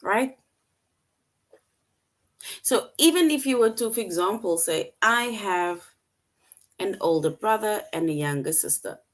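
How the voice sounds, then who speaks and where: A woman's voice: mid-range voice, expressive, a little slow, long pauses. A woman teaching an online English lesson to young children, patient and repetitive, often checking in with "right?".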